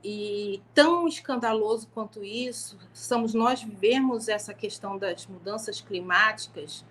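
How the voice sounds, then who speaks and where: A middle-aged woman from Rio de Janeiro with a carioca accent softened by years in Manaus, a law professor telling her story in a conversational live stream with many fillers and restarts. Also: mid-range voice, measured pace, slight background noise. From Rio de Janeiro, Brazil. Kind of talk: live-stream talk, personal testimony. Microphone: home live stream.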